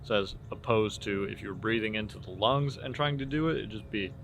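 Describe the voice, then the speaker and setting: Low-voiced man, casual drama teacher, noisy recording. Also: fairly quick. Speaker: theater warm-up instructor. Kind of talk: informal drama lesson. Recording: clear steady background noise.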